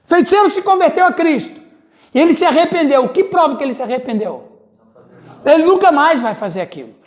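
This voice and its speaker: High-voiced Brazilian pastor teaching. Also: male voice, animated, brisk. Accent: Brazilian Portuguese. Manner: conversational teaching, calls on listeners by name. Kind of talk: expository Bible study.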